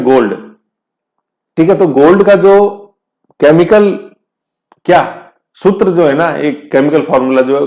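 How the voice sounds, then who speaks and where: A man's voice: on the high side, a little mellow, roomy sound. A male teacher giving a chatty exam-prep history lesson, often asking rhetorical questions. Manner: chatty, asks students rhetorical questions, jokes with class.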